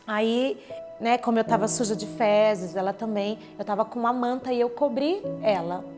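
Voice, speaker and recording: A woman with a slightly high voice gives a heartfelt church testimony. She tells the story in a vivid, emotional way and acts out the words of the people in it. Instrumental music plays clearly beneath her voice. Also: normal speed. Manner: emotional, vivid retelling with quoted dialogue. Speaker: church member giving testimony. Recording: clear background music under speech. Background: soft instrumental music.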